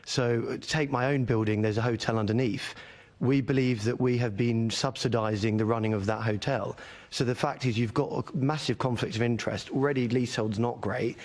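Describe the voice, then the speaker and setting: A man's voice: medium pitch, a little mellow. A man campaigning for leaseholders, giving formal evidence to a committee in an earnest, argumentative way and repeating words for emphasis.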